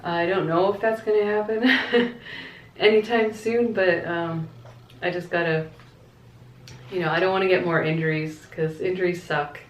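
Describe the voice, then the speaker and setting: A woman's voice: fairly low pitch, steady tone, normal speed. A woman vlogger chatting casually to camera and answering viewer questions in a candid, reflective, conversational way. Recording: echoey, roomy sound.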